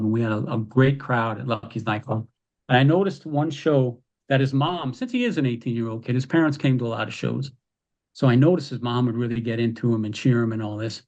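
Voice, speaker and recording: A man telling wrestling stories as a podcast guest, animated and acting out quoted lines. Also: mid-range voice, fairly quick, dull audio. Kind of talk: casual storytelling.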